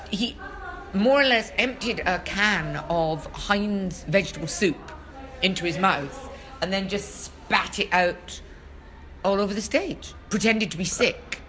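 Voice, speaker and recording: A woman's voice: medium pitch, a bit bright, a little hiss or hum. A woman co-hosting a podcast, telling a story in a chatty, wry, teasing way. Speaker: podcast co-host. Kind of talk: casual chat.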